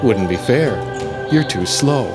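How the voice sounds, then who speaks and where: A man voicing a mysterious, playful forest girl with a thin, soothing voice and a gentle, teasing manner. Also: medium pitch, lively intonation, slow, over loud music.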